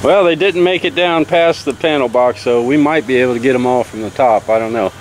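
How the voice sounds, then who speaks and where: A relaxed man talks through a job outdoors, plain-spoken and unhurried, with plenty of fillers. His voice sits at an ordinary pitch for a man. Steady outdoor noise runs behind him. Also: low-quality recording. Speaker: beekeeper doing a bee removal. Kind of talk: casual on-site explanation. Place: outdoors beside a house wall.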